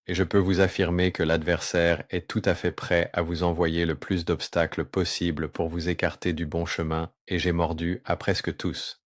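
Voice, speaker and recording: A man gives a first-person confessional testimony, earnest and remorseful, his voice pitched down to an unnaturally deep register for anonymity. The recording is dry and close with no echo, and his pitch barely moves. He pauses and slows down at key moments.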